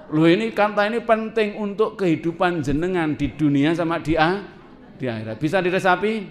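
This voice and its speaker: A male preacher gives a conversational sermon. His voice sits a little high for a man, and he keeps throwing questions to the audience and laughing along with them. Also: expressive, normal speed, long pauses, some chatter behind. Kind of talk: sermon to a congregation.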